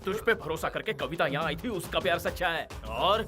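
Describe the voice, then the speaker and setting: An actor dubbing a lovesick man who rants loudly and brags that his love is the true one. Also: a little high, expressive, fairly quick, close to an everyday voice. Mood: ranting. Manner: loud ranting, shouting like a loudspeaker. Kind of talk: Hindi film dub. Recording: film soundtrack with music.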